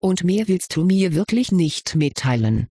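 A curious, kindly male wizard professor, as a reader puts him on, questions a student with mild amusement in an audiobook. The voice is husky and a little breathy. It sounds close and dry. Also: mid-range voice, very animated, a little slow, no room sound. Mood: probing. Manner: gently questioning, mildly amused. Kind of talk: audiobook character reading.

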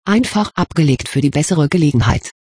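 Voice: mid-range voice, animated, brisk, darkish tone, breathy edge, no echo, clean studio sound. A reader voicing a caring but decisive teenage schoolgirl, in a storybook reading. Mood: firm.

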